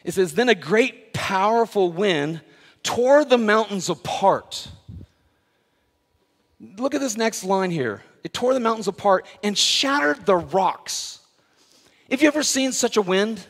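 A middle-aged man, a pastor, preaching a lively sermon that swings from loud emphasis to hushed asides with self-deprecating humor. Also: high voice, measured pace. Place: church sanctuary. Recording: live church hall with long reverb.

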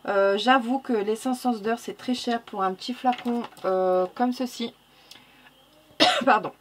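A woman's voice: on the high side, a little slow, a little hiss or hum. Chatty French woman narrating her coloring. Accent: non-standard French. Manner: chatty, self-correcting, laughs at herself, muttering "hop" while working. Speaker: coloring tutorial host. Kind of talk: casual narrated drawing tutorial.

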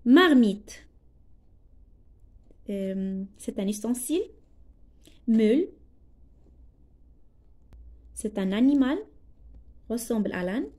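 A woman teacher with a Moroccan accent, slowly explaining a primary school lesson, spelling out letters and translating words as she goes. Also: a little high, animated, a little mellow.

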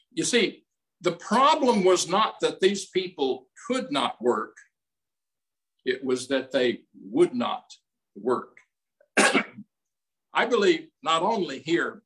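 Slow-preaching older man. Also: on the high side, sharp tone, poor audio. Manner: slow, emphatic, folksy preaching with hand gestures. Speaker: pastor. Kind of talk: sermon. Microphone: desk mic on stand, streamed over video call.

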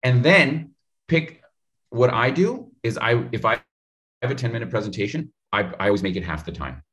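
Speaking at a moderate pace in a mid-range voice, a man in his thirties gives energetic public speaking tips in a video-call interview from home. He's animated and gestures constantly, talking right to the viewer, with a studio mic in frame.

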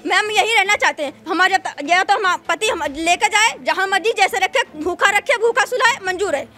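A woman's voice: very high-pitched, normal speed, pushed and bright. A woman talking to a reporter outdoors outside a house, pleading her side of a family quarrel in earnest. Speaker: daughter-in-law interviewee. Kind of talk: street interview.

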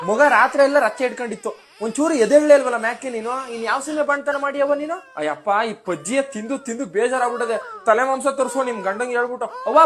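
A man's voice: very high-pitched, a bit bright. A man acting as a fussy, gossipy young village mother just after childbirth, nagging and chattering on the phone in a comic skit. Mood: whiny, demanding.

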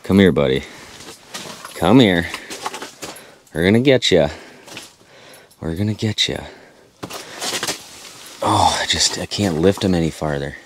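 Deep-voiced excitable fishing vlogger. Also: male voice, measured pace, pauses often, slight background noise. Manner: excitable, talks to viewers while reeling in fish. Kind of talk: excited play-by-play vlog. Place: inside an ice-fishing tent. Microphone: action camera mic.

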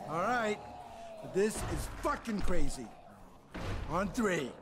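Brief: a higher-voiced jittery survivor in a game, swears under pressure. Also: male voice, big pitch swings, slow, background noise, full character voice. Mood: tense. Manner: tense, swearing. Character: tense male survivor, cursing.

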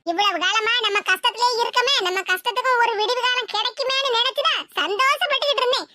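Woman doing a shrill scolding mother-in-law. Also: fast talker, noisy background. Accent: Tirunelveli Tamil. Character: scolding sharp-tongued village mother-in-law. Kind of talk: cartoon voice acting.

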